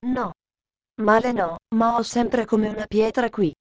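A woman voicing a shy, homesick little girl who speaks softly in a storybook reading. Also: on the high side, unhurried, no echo, lo-fi sound, lightly acted. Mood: wistful.

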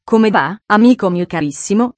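A loud, sinister Frenchman, as a woman reads him in a storybook. He drawls his words out slowly and theatrically, mocking everyone around him. The sound is dry and close. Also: medium pitch, lively intonation, no room sound, lightly acted.

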